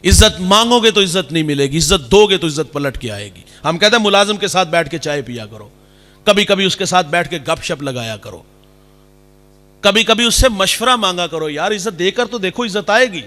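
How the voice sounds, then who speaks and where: A man preaching an impassioned sermon, acting out stories, and sometimes slowing to a sing-song recitation of verse. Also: high-pitched, expressive, pushed and bright. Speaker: Islamic preacher. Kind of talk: Urdu sermon with Punjabi verse and quotes. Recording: long hall reverb.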